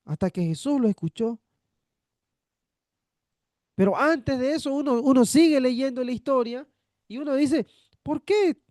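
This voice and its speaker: A man's voice: very high voice, measured pace, pauses often, a little mellow, dry recording, clean studio sound. A man teaching a theology class, repeating his points and asking rhetorical questions to check the students follow. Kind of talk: classroom lecture.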